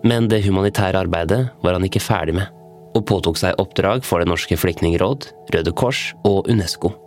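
A man narrating a scripted history story in a calm, plain way. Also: low voice. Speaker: podcast narrator. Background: faint music.

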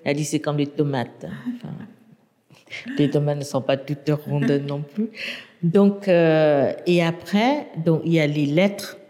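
Native Burmese-speaking woman lecturer, low and mellow, hesitant explainer, long reverb. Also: steady tone, measured pace. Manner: hesitant, many restarts and fillers, explanatory. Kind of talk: interview.

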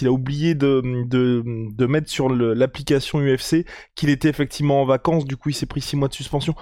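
A man co-hosting a casual sports podcast, talking in an animated, colloquial way and thinking aloud. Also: fairly high pitch, no room sound, clean studio sound. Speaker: podcast co-host. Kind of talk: casual chat about MMA.

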